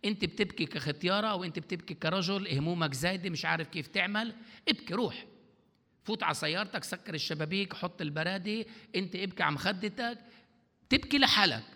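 A man's voice: high-pitched, fast, pushed and bright. A man preaching a sermon as pastor, throwing out questions for the congregation to answer. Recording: long hall reverb.

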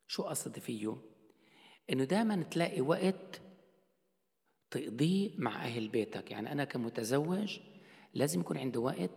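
A middle-aged man preaches with a gravelly edge to his voice. He talks to his congregation in a loose, conversational way and keeps asking them questions. His voice rings out in a church hall with a long reverb. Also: medium pitch, a little mellow. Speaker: pastor. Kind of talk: sermon.

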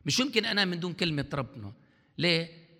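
A man preaching a sermon in a church hall, fervent, swinging between loud exhortation and quiet asides. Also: on the high side, big pitch swings, fast talker. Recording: long hall reverb.

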